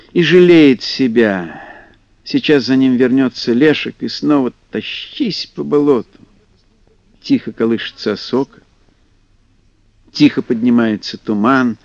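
A man narrating a fairy tale in an expressive audiobook style, in a dull dry recording. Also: medium pitch, no echo. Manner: animated, acting out character voices. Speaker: storyteller.

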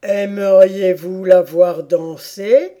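A woman reading an audiobook voices a weepy, sentimental sea-turtle creature with a drawn-out, plaintive delivery. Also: medium pitch, steady tone, warm tone, muffled recording, lightly acted. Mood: doleful.

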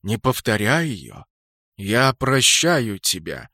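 A man playing a soft-spoken ghostly old master. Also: dry recording, clean studio sound. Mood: gentle. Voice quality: soft, slow, low-pitched. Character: ghostly old male hunter master, gentle, hollow.

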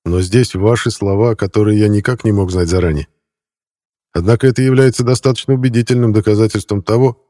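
Guy reading as a fierce young time traveller, earnest, lowish mellow voice, dry close sound. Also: no echo, lightly acted. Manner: earnest explaining, flares into furious accusation. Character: young man from the future, intense and volatile.

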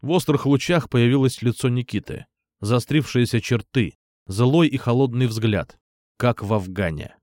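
A man's voice: medium pitch, normal speed, a little mellow, no echo. A man reading a first-person action audiobook with dramatic, tense storytelling. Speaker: audiobook narrator.

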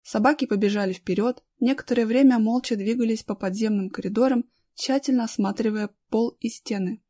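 A woman narrating a children's story aloud in an even, clear storytelling manner. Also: a little high, brisk, no echo, clean studio sound.

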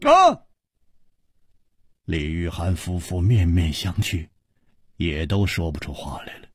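A man with a husky voice doing radio storytelling in an expressive, unhurried way. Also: low-pitched, dry recording, clean studio sound.

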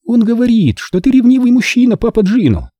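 A man putting on a high, taunting young woman. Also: sing-song, brisk, mellow, no echo, heavily acted. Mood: tense. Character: sharp-tongued young woman, tense and mocking. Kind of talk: audiobook character voice.

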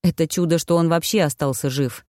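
A woman narrating an audiobook in the first person, with brisk, clear storytelling. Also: low voice, darkish tone, dry recording, clean studio sound.

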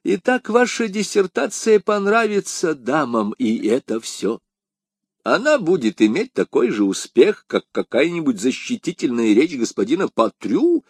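A man's voice: fairly high pitch, very animated, measured pace, husky, no room sound, studio quality, voice pushed up, heavily acted. A man voicing a stern, scornful Jesuit priest who lectures and scolds. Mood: lecturing. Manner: preachy, scolding, raised voice.

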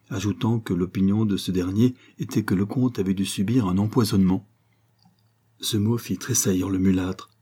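A man narrating a classic novel as an audiobook, in a steady, even storytelling manner. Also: fairly low pitch, husky. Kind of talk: scripted narration.

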